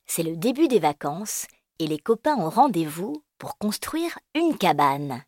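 A woman reading a children's storybook aloud, gentle and expressive. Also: on the low side, no echo, studio quality.

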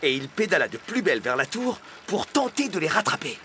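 A man reading a children's story aloud with expressive, deliberate delivery. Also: on the high side, slight background noise.

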